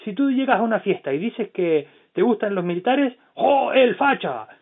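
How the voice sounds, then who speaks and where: A man hosting a podcast, talking in a blunt, profane, animated way. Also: high voice, fairly quick. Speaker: podcast host. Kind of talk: casual podcast chat. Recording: tinny phone-like sound.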